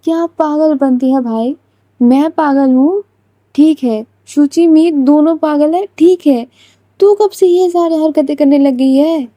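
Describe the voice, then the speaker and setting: A woman's voice: sits high, measured pace, dark tone, no echo. A woman voicing a young woman friend who talks bluntly and scolds with a teasing edge.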